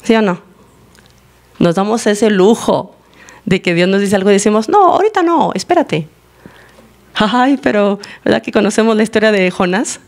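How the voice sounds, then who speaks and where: A woman giving a teaching and testimony to her congregation, telling her story with lively acted-out dialogue. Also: medium pitch, normal speed. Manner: animated storytelling, acting out dialogue. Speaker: church member giving a teaching. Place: church service, recorded live.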